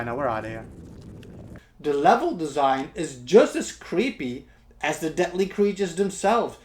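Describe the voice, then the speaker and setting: A man giving informal, expressive, slangy commentary on a video game, mixing play with review remarks. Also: a little high.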